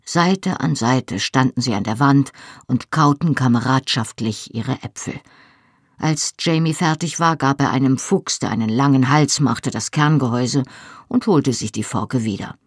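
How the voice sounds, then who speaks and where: Gravelly, husky audiobook narrator. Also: medium pitch, unhurried, no echo, studio quality. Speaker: audiobook reader. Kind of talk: scripted narration.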